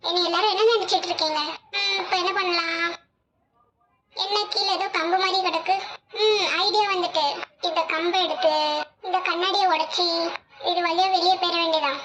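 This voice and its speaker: A woman's voice: very high voice, steady tone, normal speed, pauses often, background noise. A woman voicing a scatterbrained, talkative woman in a cartoon, speaking with a Tirunelveli Tamil accent. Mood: grumbling.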